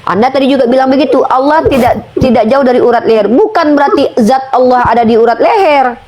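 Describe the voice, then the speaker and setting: Speaking in a high register, a woman forcefully makes a religious argument in a debate. She poses rhetorical questions to herself and slows down to stress key points.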